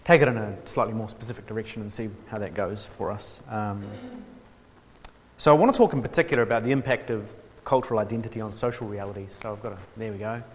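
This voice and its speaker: A man from New Zealand gives an informal theology lecture at a workshop in a reverberant hall, with a little hiss or hum audible. His voice is fairly low and fast, and he is hesitant, full of ums and restarts, with dry, self-mocking humour.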